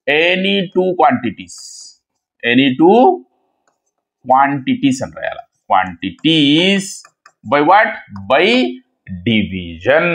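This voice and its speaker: A high-pitched man, a native Telugu speaker with a Telugu accent, teaches a math lesson in English and Telugu. He repeats key words and poses questions that he then answers himself.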